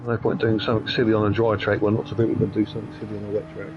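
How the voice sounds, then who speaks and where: A man calmly advising his racing teammates over casual team voice chat. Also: fairly low pitch, very fast. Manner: calm, advising. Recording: muffled chat audio over loud car noise. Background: race car engine noise.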